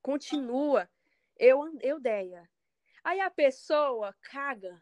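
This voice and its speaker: A woman's voice: fairly high pitch, normal speed, no room sound. Candid Brazilian woman singer, dry sound. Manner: candid, emphatic, acts out others' comments. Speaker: singer being interviewed. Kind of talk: casual interview talk.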